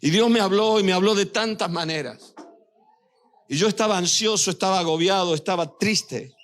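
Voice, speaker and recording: Guy pastor preaching, tells stories from his own life, talks right to the church, voice on the high side. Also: moderate pace. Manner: preaches with personal anecdotes, addressing the church directly. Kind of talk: sermon.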